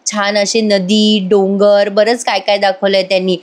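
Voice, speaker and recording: A woman's voice: mid-range voice, little pitch movement, a little slow. A woman doing a chatty voice-over recap of a TV serial, talking straight to her viewers and acting out the characters' lines. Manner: chatty, addresses viewers directly; voices characters' dialogue in quotes. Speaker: serial review narrator.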